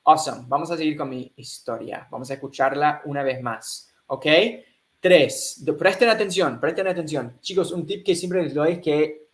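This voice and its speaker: An upbeat male teacher runs a live online English class, reading viewer chat and slipping into English phrases. His voice sits fairly high, and he takes his time between words.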